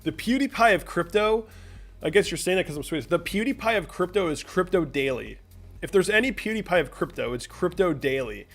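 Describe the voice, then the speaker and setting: A man's voice: high-pitched, lively intonation, fairly quick, gravelly, a bit bright. A young man from the United States hosting a casual livestream, talking through charts and answering viewers' chat messages. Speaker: crypto livestream host.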